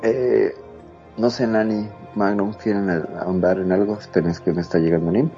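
A man's voice: fairly low pitch, steady tone, moderate pace, warm tone. A man hosting a casual chat and briefly prompting his guests. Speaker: host. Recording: slightly dull lo-fi audio, faint music.

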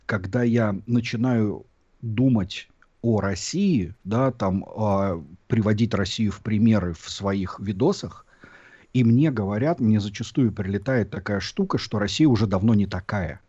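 This man's voice is lowish, dark and slightly rough, and he speaks at a measured pace. A Russian-born YouTuber living abroad, he chats casually, musing and explaining at length with many fillers, and the recording sounds dull and lo-fi.

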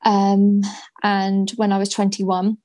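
A woman in her twenties telling her own story as a podcast guest, slow and hesitant with many ums. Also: mid-range voice, completely flat delivery, warm tone, no room sound. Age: 20s. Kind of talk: candid personal story in a podcast interview.

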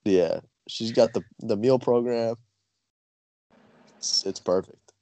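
A man's voice: mid-range voice, takes it slowly, warm tone, no echo. A man in casual podcast chat, laid-back and slangy, often restarting his sentences. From Long Island. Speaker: podcast co-host.

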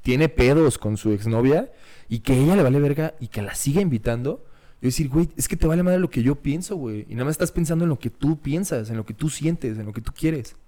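Slangy young Mexican man, mellow voice. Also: medium pitch, fairly quick. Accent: Mexican Spanish. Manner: slangy, emphatic, peppers speech with swearing. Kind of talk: casual chat.

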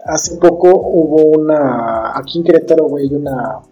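Young adult male, Mexican accent, higher-pitched and mellow, profane emphatic storyteller in casual chat, muffled recording with music. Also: normal speed. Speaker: podcast host. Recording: dull sound, music behind.

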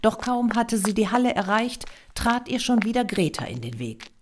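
A woman narrating a novel as an audiobook, expressive and dropping to a whisper in tense passages. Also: fairly high pitch, moderate pace, slight background noise.

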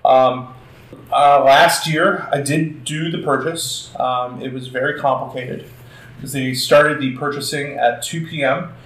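A man's voice: mid-range voice, fairly even intonation, a little slow, a bit bright. A man co-hosting a podcast in casual chat, hesitant and full of restarts and hedging. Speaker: podcast co-host. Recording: echoey room.

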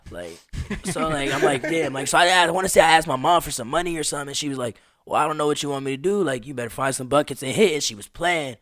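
A man in his twenties, a guest on a podcast, telling stories in an animated, slangy way. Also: fairly high pitch, fast talker. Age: 20s. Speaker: podcast guest, street performer. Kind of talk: casual conversation.

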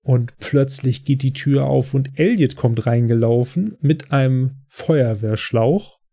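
Gravelly, dark-voiced man retelling a scene. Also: medium pitch, slow. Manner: loose, rambling retelling full of fillers. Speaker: podcast co-host recapping a TV episode. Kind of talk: casual chat.

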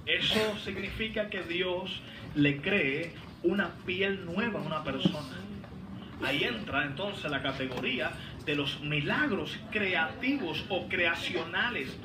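A man preaching, his high voice swinging from quiet storytelling to shouted exclamations. He sounds far from the microphone in a reverberant hall, with steady noise behind him. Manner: fervent, rising to shouts, teasing asides. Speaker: pastor. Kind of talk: sermon. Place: large hall, voice heard from a distance. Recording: echoey hall, distant mic, background noise.

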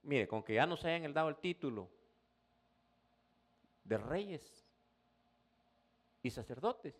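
A man's voice: fairly high pitch, animated, takes it slowly. A male pastor preaching a sermon in a conversational way, often addressing the listener as brother and rising into emphatic bursts.

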